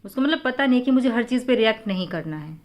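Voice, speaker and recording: A mother talks casually, patiently explaining step by step and pausing often with fillers as she answers viewers' questions. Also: on the high side, animated, muffled recording.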